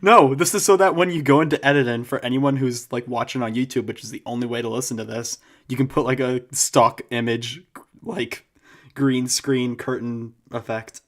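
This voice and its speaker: A young man co-hosting a podcast, chatting casually with quick, teasing banter. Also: mid-range voice, fairly even intonation. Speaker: podcast co-host. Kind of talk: casual chat.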